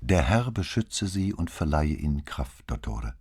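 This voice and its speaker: A man reading an audiobook voices a patient, devout young nun who speaks clearly and soothingly. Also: a bass voice, very animated, measured pace, darkish tone, heavily acted. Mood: solemn.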